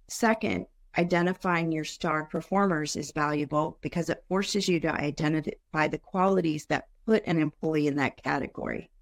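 A woman hosting a podcast in a scripted presenting style. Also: sits low. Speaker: podcast host.

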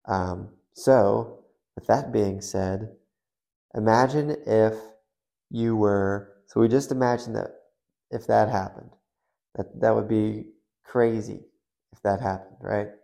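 A man's voice: fairly low pitch, steady tone, slow, vocal fry, long pauses, warm tone. A man hosting his own faith podcast, talking loosely and conversationally through hypotheticals. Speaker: podcast host. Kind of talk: casual faith podcast monologue.

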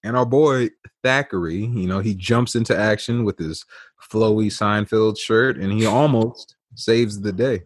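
Dude with a lowish voice riffing on a movie, dry close mic sound. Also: male voice, measured pace, no echo. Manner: joking, wry asides. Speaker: podcast co-host. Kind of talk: casual movie-review chat.

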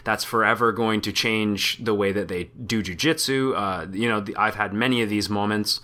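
Bright-voiced, low-pitched rambling man. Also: fairly even intonation, moderate pace. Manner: rambling, loose storytelling with many fillers. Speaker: podcast co-host. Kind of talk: casual chat.

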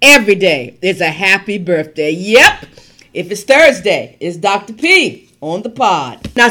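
A woman's voice: on the high side, fairly bright tone. A woman hosting her own podcast who talks in a chatty, enthusiastic way with plenty of fillers. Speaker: podcast host. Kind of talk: podcast talk and interview.

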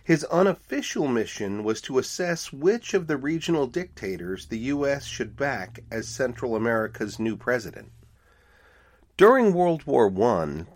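Lively, animated male podcast host. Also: mid-range voice. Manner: animated, conversational, wry asides. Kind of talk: casual storytelling podcast.

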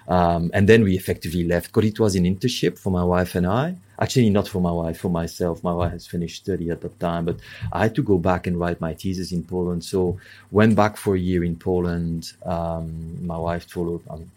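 A man's voice: low-pitched, darkish tone. A man in his thirties from Congo, talking as a guest in a casual interview, rambling with many fillers and restarts.

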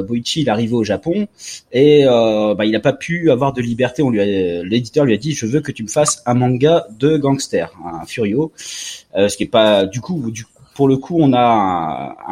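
A man in his forties co-hosting a casual chat, relaxed and talkative with many fillers. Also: medium pitch, a little fast. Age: 40s. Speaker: podcast co-host. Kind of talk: casual chat about manga.

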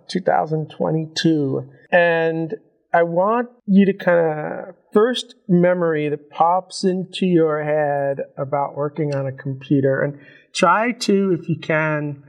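A man interviewing a guest, asking long rambling questions with frequent restarts. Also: on the high side. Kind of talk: casual interview.

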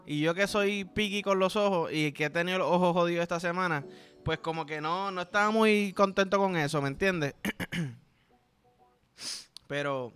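A man's voice: high voice, a little slow, a bit bright, clear, resonant tone, faint music behind. A young man with a Puerto Rican accent hosting a casual comedic podcast. He rambles in a crude, playful way and keeps checking in with the listener. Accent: Puerto Rican Spanish. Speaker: podcast host.

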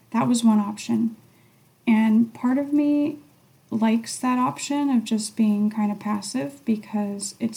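A middle-aged woman hosting a podcast, talking candidly and thoughtfully in a reflective personal monologue, sometimes dropping to a soft near-whisper. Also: medium pitch, vocal fry. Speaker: podcast host.

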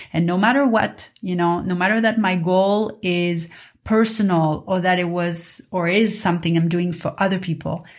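A woman podcast host teaching in an earnest, instructive spiritual guru manner, in a motivational monologue. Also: fairly low pitch.

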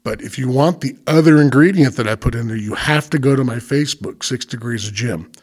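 A man's voice: medium pitch, fairly quick, darkish tone, husky. A middle-aged man hosting a podcast, talking casually and in a folksy, plain-spoken way as he explains cooking step by step. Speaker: podcast host.

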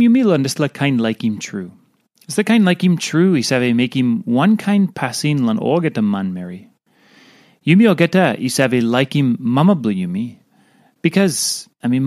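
A man's voice: medium pitch, darkish tone, no echo, studio quality. A man with a Papua New Guinean accent reading a scripted devotional talk. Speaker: devotional reader.

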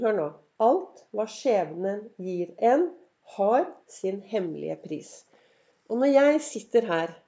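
A woman's voice: medium pitch, mellow. A middle-aged woman hosting a motivational solo podcast from her living room, talking to the listener in an earnest, encouraging way. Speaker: podcast host.

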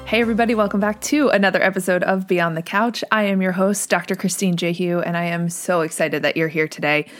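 A woman psychologist hosting her own podcast, giving listeners an energetic, encouraging pep talk in direct address. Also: lowish voice, quick pace, few pauses, soft background music.

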